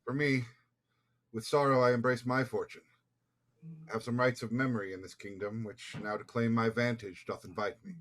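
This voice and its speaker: A man playing a solemn, commanding prince in a Shakespeare reading, with a husky voice. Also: mid-range voice, fairly even intonation, moderate pace, fairly bright tone, lightly acted. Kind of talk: dramatic Shakespeare read-through.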